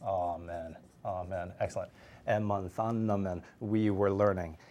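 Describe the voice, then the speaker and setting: A man leads a classroom Greek lesson in a slightly low voice, drilling conjugations and joking with his students. A faint hum of room noise sits behind him. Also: fairly even intonation, measured pace, darkish tone. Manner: drills students, jokes and laughs. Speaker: Greek teacher.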